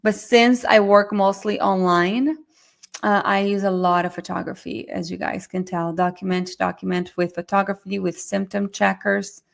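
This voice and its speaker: A middle-aged woman lecturing in a quick, conversational way. Her voice has a gravelly fry at the ends of phrases. She keeps checking in with her listeners as she teaches. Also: mid-range voice, level tone. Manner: fast, chatty, addresses audience directly. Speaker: myofunctional therapy instructor. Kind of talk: live online webinar lecture.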